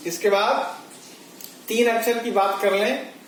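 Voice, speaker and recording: A man's voice: high-pitched, fairly even intonation, slow pace. A man giving a grammar lesson, explaining step by step and repeating key definitions for his students. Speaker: Hindi grammar teacher. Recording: echoey room with faint noise.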